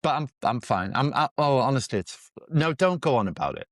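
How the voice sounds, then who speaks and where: A man's voice: mid-range voice, expressive, fairly quick, dry recording, studio quality. A man with a Geordie accent hosting a podcast, chatting playfully and teasing his co-host. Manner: playful, teasing, mock-old-fashioned wording. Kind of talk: casual chat.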